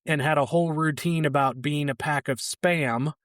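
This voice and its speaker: A man's voice: fairly high pitch, steady tone, normal speed, fairly bright tone, no echo, studio quality. A young adult man, a guest comedian, telling loose, rambling stories with plenty of fillers. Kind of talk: casual anecdotal storytelling.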